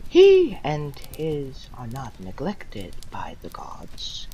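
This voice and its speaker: A woman's voice: a bass voice, a little hiss or hum, heavily acted, low-quality recording. Woman playing the Master, theatrical and wildly swooping. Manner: theatrical, dramatic, swinging between hushed and loud. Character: theatrical renegade time-travelling villain, mercurial and wry. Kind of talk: fan-made audio drama acting.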